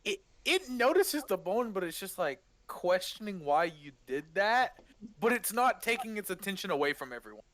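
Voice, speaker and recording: A man's voice: high-pitched, big pitch swings, normal speed, a bit bright, dry recording. A man running a tabletop game as game master, narrating off the cuff in a casual, chatty way.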